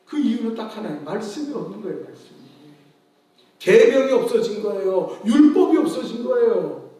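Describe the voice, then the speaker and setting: A male pastor preaching a sermon, animated storytelling that rises to shouts and acts out voices. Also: high voice, recorded from a distance. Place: large church sanctuary. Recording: very echoey hall, voice from afar.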